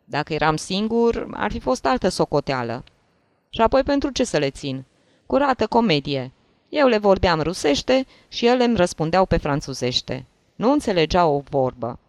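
A coarse, blustering rich man from a classic story, as a reader voices him. He speaks gruffly and brusquely. The sound is close and dry. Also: medium pitch, very animated, dry recording. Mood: offhand. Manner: gruff and brusque, shouting at a child. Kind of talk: audiobook reading of a classic story.

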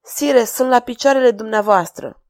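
A woman's voice: a little high, darkish tone, dry recording, clean studio sound, natural voice. Woman voicing a desperate, trembling court jester. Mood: pleading. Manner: tearful, begging, trembling.

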